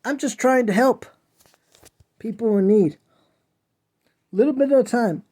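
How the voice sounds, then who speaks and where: Very high and mellow, the man's voice moves a little slowly as he hosts a podcast. In an earnest, preachy solo monologue, he pleads passionately with listeners in a whiny voice.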